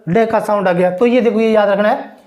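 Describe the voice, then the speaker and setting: A woman's voice: medium pitch, steady tone, a little mellow. A woman teaching an English phonetics lesson, going through sounds one by one, repeating them and asking the class questions. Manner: slow, repeats each sound and quizzes listeners.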